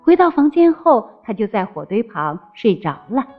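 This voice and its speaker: A woman narrating a fairy tale in an expressive storytelling manner. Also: on the high side, moderate pace. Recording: slightly dull with faint music.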